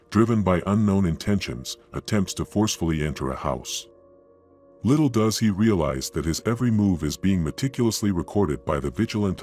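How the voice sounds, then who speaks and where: A man's voice: low voice, darkish tone. A man reading dramatic, suspenseful scripted narration in a grave, florid nature documentary manner.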